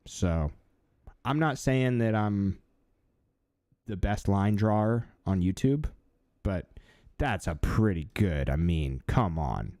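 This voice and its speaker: A man in his thirties hosting a live stream, talking in a relaxed, chatty way with lots of fillers. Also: low voice, no echo, clean studio sound. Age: 30s. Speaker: livestream host. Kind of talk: casual live-stream chat.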